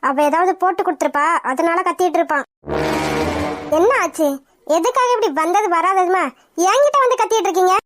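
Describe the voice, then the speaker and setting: A performer voicing a sharp-tongued, defiant young wife who talks back in a village cartoon. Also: very high voice, a little fast, over music. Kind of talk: cartoon voice acting.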